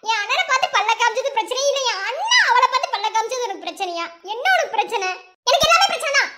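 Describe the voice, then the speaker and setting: A young woman acting a jealous, bossy young woman who scolds loudly and quickly. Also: extremely high pitch, very noisy. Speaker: comedy skit actor. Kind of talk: comic sketch acting.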